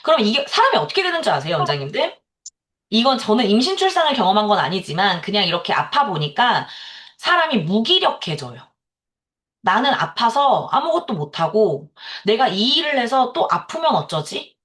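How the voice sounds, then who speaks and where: A woman's voice: on the high side, sing-song, a little fast, a bit bright. A woman in her thirties giving a lecture to salon owners, telling a personal story in a candid way and laughing often.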